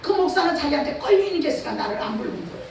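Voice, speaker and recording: A woman's voice: high voice, lively intonation, rapid-fire, a little mellow. A woman pastor from Chungcheong with a Chungcheong Korean accent, preaching a revival sermon with emphatic rhetorical questions. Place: church or prayer house hall. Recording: echoey hall, far from the mic, faint noise.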